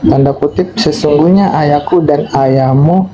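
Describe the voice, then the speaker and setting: A man in an online debate, speaking haltingly and reading a passage aloud slowly. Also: fairly high pitch, mellow. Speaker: debate guest. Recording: dull lo-fi voice-chat audio with crowd noise.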